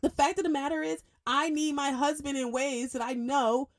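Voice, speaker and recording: Emphatic female radio talk host. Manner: emphatic, lively, fast bursts and sudden pitch jumps. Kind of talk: opinionated radio monologue.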